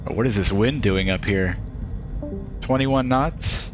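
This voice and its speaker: A man's voice: deep voice, a little fast, muffled recording, over music. A man talking like a pilot in a cockpit on a headset, calling out checklists and narrating his own flying. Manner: talks to himself through the flying as he goes. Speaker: pilot in a flight simulator stream. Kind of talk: pilot cockpit talk, checklist call-outs and commentary.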